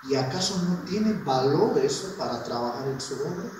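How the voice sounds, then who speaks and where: Male pastor, high voice, fiery sermon, booming echo of a church hall. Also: expressive, normal speed. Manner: impassioned, swings from quiet asides to shouted peaks. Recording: very echoey church hall, mic far off, faint noise.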